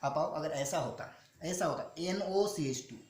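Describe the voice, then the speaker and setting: A male chemistry teacher explaining step by step, asking questions, answering them himself and slowing down to spell out formulas. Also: a little high. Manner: repeats questions and answers them himself, calls students "beta". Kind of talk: classroom-style teaching. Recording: echoey room with faint noise.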